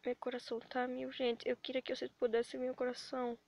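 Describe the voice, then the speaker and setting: A woman's voice: sits high, monotone, fast, gravelly, a little mellow, dry recording. A woman with a Brazilian accent vlogging about her animation channel. She is anxious and near tears, and her rambling, breathless talk keeps breaking off and restarting. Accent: Brazilian Portuguese. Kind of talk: emotional webcam vlog.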